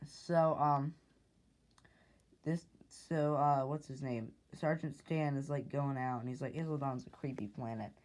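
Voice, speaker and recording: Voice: mid-range voice, fairly even intonation, slow, a little mellow. A speaker casually narrating a homemade sci-fi short, hesitant and rambling with lots of fillers and restarts.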